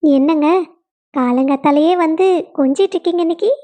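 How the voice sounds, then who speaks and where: A woman's voice: sits high, brisk, mellow, close to an everyday voice. A woman voicing a caring young wife who soothes her husband, with a Kongu Tamil accent. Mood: teasing. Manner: soothing, pleading.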